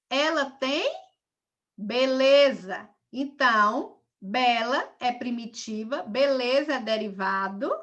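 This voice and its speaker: Bright-voiced woman teaching a class. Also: fairly high pitch. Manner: patient, repeats each example step by step. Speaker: primary school teacher. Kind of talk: recorded video lesson.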